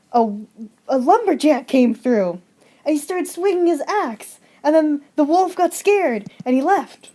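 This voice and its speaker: A young woman narrates a fairy tale she wrote for a school project. Her voice sits a little high and her delivery is plain and unpolished, chaining events with "and then." It sounds like a simple home recording. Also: mellow. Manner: plain storytelling with frequent "and then".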